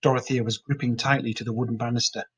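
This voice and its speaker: Husky male storybook narrator. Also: mid-range voice, steady tone, fast, poor audio. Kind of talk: storybook reading.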